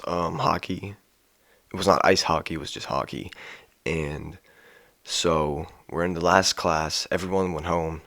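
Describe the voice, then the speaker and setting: A sick young man telling a casual story in a flat monotone voice, full of ums and restarts. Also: sits low, dry recording. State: sick, coughing. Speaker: vlogger.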